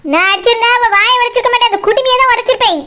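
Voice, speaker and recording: A woman plays a quick-tempered village house owner from a cartoon who argues with everyone. She talks with a Kanyakumari Tamil accent. Her very high, bright voice fires off sharp, indignant retorts.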